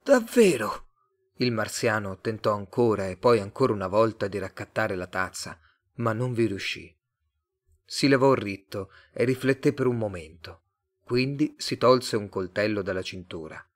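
A man from Italy reading a short story aloud as an audiobook narrator, measured and expressive. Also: lowish voice. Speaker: audiobook reader. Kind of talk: scripted literary narration.

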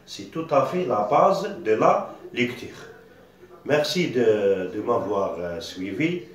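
Slow, patient teacher in an echoey room. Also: male voice, medium pitch, animated. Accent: Algerian French. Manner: patient, spells out syllables, many hesitations. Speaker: primary school teacher. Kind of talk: slow classroom-style reading lesson. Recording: echoey room, distant dull mic.

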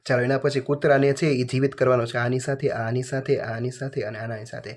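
A man teacher, reading out workbook answers to children in a flat, list-like way. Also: medium pitch, fairly quick.

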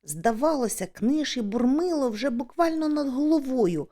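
A woman narrating a children's adventure audiobook in the first person, with expressive, dramatic storytelling. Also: high-pitched, moderate pace.

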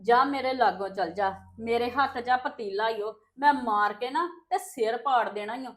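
A woman acting a wronged woman of the house in a family skit, speaking gravely, with warnings. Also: on the high side, normal speed, a bit bright, close to an everyday voice. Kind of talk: scripted family drama.

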